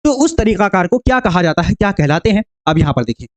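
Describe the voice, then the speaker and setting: A man with a notably high voice leads an exam-prep lecture. He works through each question step by step, poses rhetorical questions and answers them himself. He keeps addressing his viewers as dear friends and checks in with a frequent "okay.". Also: very animated, quick pace. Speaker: teacher.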